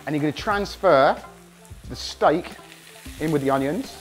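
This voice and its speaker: A man hosting a casual cooking demonstration, hoarse from a cold, chatting enthusiastically to viewers as he cooks. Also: on the high side, measured pace, soft background music. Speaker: cooking show host.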